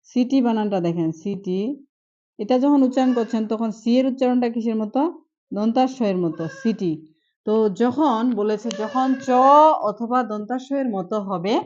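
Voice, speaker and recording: A woman's voice: a little high, dark tone, dull audio. A woman giving an online English pronunciation lesson, patiently repeating each point and checking that the students follow. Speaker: English teacher.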